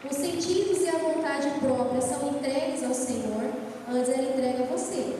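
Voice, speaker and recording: High-voiced woman, Brazilian accent, tongue-tied, informal church preacher, conversational, heavy hall echo. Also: normal speed, dark tone. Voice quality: tongue-tied speech impediment. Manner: conversational, checking in with listeners. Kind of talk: informal youth sermon. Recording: very echoey hall, distant mic, faint noise.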